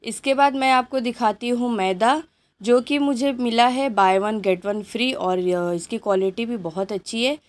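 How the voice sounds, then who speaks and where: Woman host, slightly higher voice, relaxed home vlog delivery listing items one by one. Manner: chatty, unhurried listing of items. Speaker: cooking channel host. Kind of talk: grocery haul show-and-tell. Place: indoors at home, items on a patterned rug.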